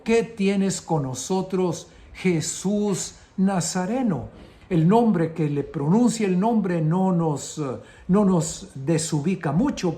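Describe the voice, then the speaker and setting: A man's voice: on the high side, warm tone. A male pastor teaching a sermon, asking rhetorical questions and repeating phrases for emphasis.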